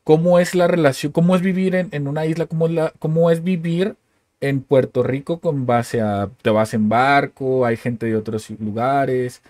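A man in his thirties hosts a podcast from a room at home, asking casual, curious interview questions and thinking out loud with fillers. His voice is medium-pitched and a little mellow at a normal speed, recorded on a stand-mounted studio mic with headphones and no echo.

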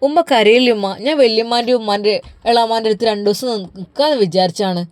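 A woman voicing a gentle, soothing young pregnant daughter with a Malabar Malayalam accent. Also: on the high side, quick pace, no room sound, lightly acted. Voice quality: soft, soothing. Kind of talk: storybook narration.

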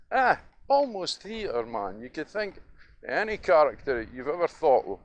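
Walking outdoors through city streets, this Dundee vlogger, middle-aged and Scottish-accented, delivers an emphatic, opinionated, reminiscing monologue, prone to chuckles. He talks unhurriedly in a higher voice with big pitch swings. Traffic and street sounds make the recording noisy.

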